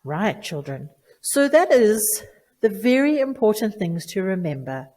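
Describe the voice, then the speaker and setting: A woman teacher giving a clear, deliberate lesson to children, stressing key words. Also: mid-range voice, big pitch swings, darkish tone. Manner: clear, deliberate instructive delivery with emphatic stresses. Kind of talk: lesson for children on online manners.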